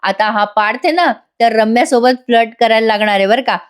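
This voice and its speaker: A woman narrates a voice-over review of a TV serial episode, chatting directly to her viewers. Her voice sits a little high, lively and conversational. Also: a little fast, clean tone.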